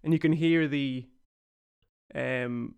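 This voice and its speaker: A man's voice: medium pitch, steady tone, takes it slowly, vocal fry, clear, resonant tone, narrow, tinny audio. A man narrating a tabletop game as game master.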